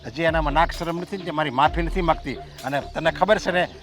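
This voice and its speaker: A man's voice: on the high side, a little fast, fairly bright tone, soft background music, lightly acted. An actor playing a proud, domineering village headman who talks in a stern, commanding way. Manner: stern, commanding, pronounces sentences. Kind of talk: village family stage drama.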